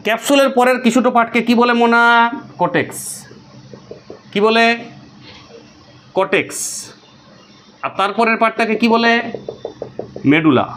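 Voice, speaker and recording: A man's voice: expressive, a bit bright, slight background noise. A man teaching biology to a class, drilling his students with repeated questions and answers in an insistent way. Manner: quick, high-pitched and insistent.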